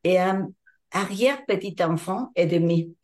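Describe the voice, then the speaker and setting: A woman's voice: on the low side, a little slow, darkish tone. An older woman from Mexico with a Mexican Spanish accent, speaking French as a second language and answering interview questions as a hypnotherapist. She talks thoughtfully and searches for her words. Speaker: hypnotherapist and trainer.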